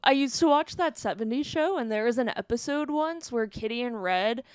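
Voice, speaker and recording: A woman's voice: fairly high pitch, expressive, moderate pace, clean tone, no room sound, studio quality. A woman co-hosting a casual podcast, playful and teasing. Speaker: podcast co-host. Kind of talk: casual chat.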